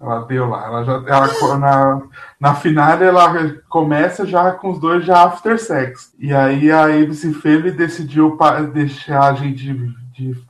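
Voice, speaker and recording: A man's voice: a little high, unhurried. A Brazilian man gossiping casually about TV series in a campy, slangy way. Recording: roomy, echoey voice pickup.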